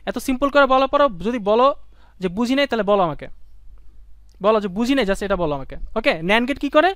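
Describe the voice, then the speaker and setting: A man's voice: very high-pitched, lively intonation, a little fast, fairly bright tone, clean tone, no room sound, studio quality. A young man teaching a live online class, talking students through each step, repeating himself and asking rhetorical questions.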